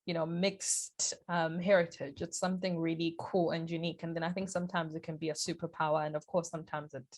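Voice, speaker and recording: A woman's voice: sits low, level tone, fast talker. A woman hosting a podcast, introducing and chatting with her guest in an enthusiastic, filler-heavy way. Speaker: podcast host. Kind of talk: casual interview chat.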